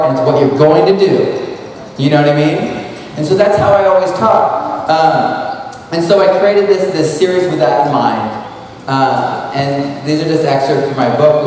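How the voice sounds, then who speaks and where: Speaking into a handheld mic at a large expo hall, a man with a fairly high, darkish voice delivers a loose conference talk packed with "like" and false starts. The distant recording picks up heavy hall echo and slight background noise.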